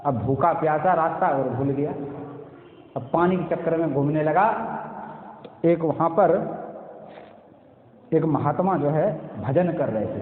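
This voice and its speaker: A man preaching a devotional story sermon in an explanatory way. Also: fairly high pitch. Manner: explanatory, now and then chanting. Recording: tinny echoey hall sound.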